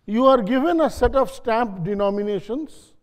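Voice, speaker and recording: A man's voice: very high-pitched, expressive, normal speed. A man giving a classroom lecture, repeating key phrases and quizzing his audience. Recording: long hall reverb.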